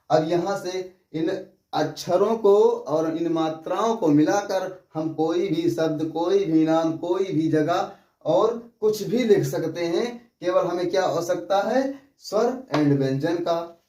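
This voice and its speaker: A man teaching a lesson, speaking slowly and patiently, repeating syllables and asking rhetorical questions. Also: high voice, darkish tone. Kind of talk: classroom lesson on writing and pronunciation. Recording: echoey room, voice from a distance.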